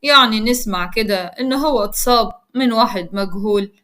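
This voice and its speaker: A man's voice: high voice, fairly quick, pushed and bright. A woman voicing a cunning, scheming middle-aged man with an Egyptian accent, speaking in a wheedling way. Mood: sly. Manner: wheedling, sly.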